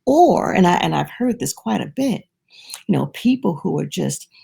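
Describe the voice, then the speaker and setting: A woman giving an inspirational devotional talk, retelling a parable in a lively storytelling way, with frequent restarts and personal asides. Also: on the low side, normal speed, gravelly, slightly rough. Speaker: inspirational speaker.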